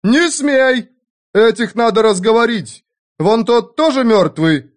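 A man squeaking as a panicky old innkeeper. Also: lively intonation, takes it slowly, heavily acted. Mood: panicked. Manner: squeaky, shrill shouting. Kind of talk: audiobook character voice.

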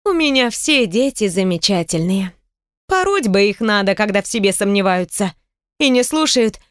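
A woman voicing a lively, bossy, caring middle-aged stepmother in an audiobook, high and animated in her scolding. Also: moderate pace, dry recording, clean studio sound, lightly acted.

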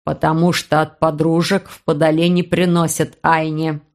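A woman's voice: deep voice, level tone, moderate pace. Woman doing a sneering, domineering uncle. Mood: sarcastic. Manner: mocking, hissing. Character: sarcastic domineering man, the stern uncle.

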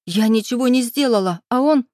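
A woman voicing a frightened but defiant young woman held captive, snapping back in shrill, indignant outbursts. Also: brisk, dark tone, no room sound, clean studio sound, lightly acted.

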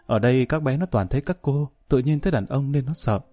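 Mellow male audiobook storyteller. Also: medium pitch, fast talker, soft background music. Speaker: storyteller reading a novel. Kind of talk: audiobook narration.

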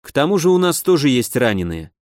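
A man narrating a first-person adventure audiobook in a measured, even storytelling manner. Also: mid-range voice, no echo, studio quality.

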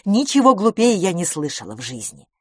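A woman's voice: lowish voice, very animated, fairly quick, husky, dry recording, clean studio sound. A woman voicing a forthright, prim middle-aged spinster who lectures bluntly, in an audiobook. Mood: stern.

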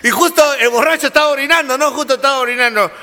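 A middle-aged man, telling jokes in a lively way and laughing at his own punchlines. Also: very high voice, fast, in a large hall, slight background noise. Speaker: radio comedian. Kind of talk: joke telling.

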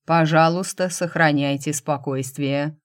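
Booming metallic ship computer in an audiobook, read by a woman: low, loud, monotone, machine-like. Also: a little slow. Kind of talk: audiobook narration.

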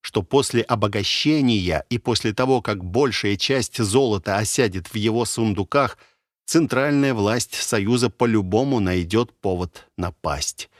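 Male audiobook narrator with a lowish voice, dramatic, measured delivery, dry close recording. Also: no echo.

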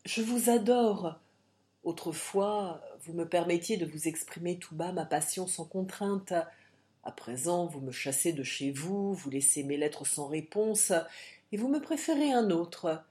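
A woman reading the impassioned, threatening speeches of a bold Irish adventurer gentleman in an audiobook. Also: on the low side, lively intonation, measured pace.

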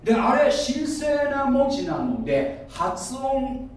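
A man's voice: extremely high pitch, big pitch swings, slow pace, a little hiss or hum. A man preaching a sermon, explaining like a teacher and asking the audience questions. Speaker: pastor. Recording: echoey room, voice from far off.

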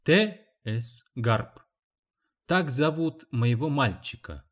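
A man reading an audiobook, voicing a sleepy, calm young mother who answers in short, clipped replies. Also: medium pitch, takes it slowly. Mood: drowsy. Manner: sleepy, terse.

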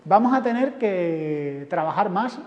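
A man putting on a politician speaking slowly and earnestly to the crowd, with a Spanish accent from Spain. The voice rings through a large hall with a long echo, and the sound is dull and muffled. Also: high-pitched, expressive. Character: smooth-talking honest politician addressing voters.

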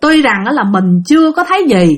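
Southern Vietnamese woman, ghost story narrator, high, very animated delivery. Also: fairly quick. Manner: lively, addresses listeners directly.

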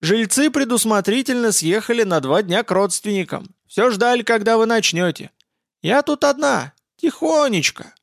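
A man's voice: sits high, animated, normal speed, creaky, dry recording, clean studio sound, voice pushed up. A man reading a storybook voices a stooped, eager old woman who mumbles as she talks.

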